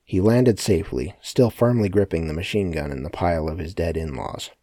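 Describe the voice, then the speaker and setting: A man narrating a story as an audiobook in a steady, matter-of-fact way. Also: low voice, a little fast, no room sound, clean studio sound. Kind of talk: scripted narration.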